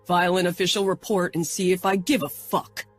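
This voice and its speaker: A woman voicing a gruff, impatient male bodyguard who speaks in curt growls. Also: fairly low pitch, steady tone, brisk, dry recording, faint music behind, lightly acted. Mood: irritated.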